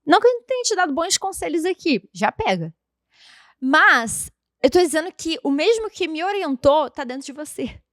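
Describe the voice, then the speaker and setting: A woman's voice: high voice, sing-song, moderate pace, fairly bright tone, no room sound, studio quality. A woman in her thirties hosting a devotional podcast, speaking in an emphatic, chatty way straight to her listeners. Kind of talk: casual devotional podcast talk.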